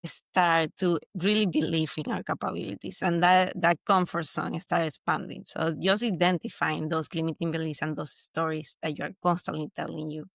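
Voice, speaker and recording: A woman's voice: deep voice, steady tone, moderate pace, vocal fry, few pauses, dry recording. Venezuelan woman guest, earnest and reflective. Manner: earnest, reflective, with frequent restarts. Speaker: mindset coach guest. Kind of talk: interview conversation.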